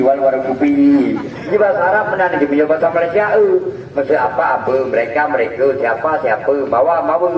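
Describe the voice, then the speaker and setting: A man with an Acehnese accent gives a joking, bantering sales pitch as a street medicine seller outdoors. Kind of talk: comic open-air sales pitch. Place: outdoors in a town square. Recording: distant, echoey, noisy outdoor recording.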